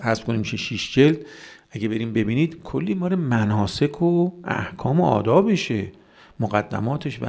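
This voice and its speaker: A man's voice: medium pitch, gravelly, darkish tone. A man giving a religious sermon, arguing with rhetorical questions and mocking the views he rejects. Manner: argumentative, rhetorical questions, mocking quoted voices. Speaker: cleric.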